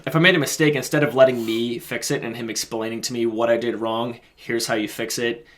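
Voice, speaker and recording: A man in his twenties with a medium-pitched voice chats as a podcast co-host. He tells anecdotes bluntly and casually, with slang and the odd swear. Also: steady tone, quick pace, fairly bright tone. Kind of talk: casual chat and personal anecdotes.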